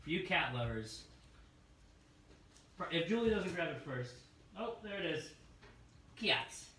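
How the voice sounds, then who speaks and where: A man hosting a live record-store showcase, pitching albums in a loose, joking, sometimes profane patter. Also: big pitch swings, slow pace, pushed and bright. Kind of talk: casual live product showcase. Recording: roomy, distant mic with faint noise.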